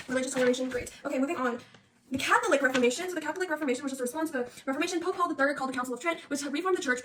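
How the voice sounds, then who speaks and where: A woman's voice: high-pitched, a bit bright, distant mic. A young woman casually reviewing history for an exam on her phone, rambling and slangy, with lots of restarts. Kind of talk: casual study-review monologue. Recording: faint noise and clicks, voice off-mic.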